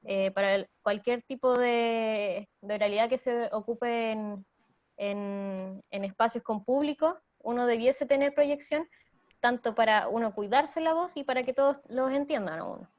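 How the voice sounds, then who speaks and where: A young woman with a Chilean accent leads a theater workshop, explaining breathing and projection. Her voice sits high, and she laughs easily as she talks. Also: unhurried, a little mellow, lo-fi sound. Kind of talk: online workshop talk.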